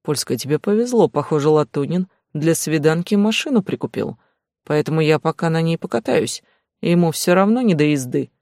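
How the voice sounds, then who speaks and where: A man narrating an audiobook, voicing a gruff, sarcastic middle-aged male investigator who speaks curtly. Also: a little high, expressive, fairly quick, a little mellow, dry recording, clean studio sound. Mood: boastful. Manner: sarcastic, curt.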